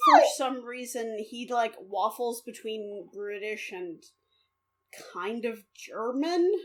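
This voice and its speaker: A woman's voice: on the high side, slow. A woman co-hosting a podcast, chatting casually and animatedly, often breaking into laughter. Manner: animated, laughing, mock French voices. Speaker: podcast co-host. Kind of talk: casual chat.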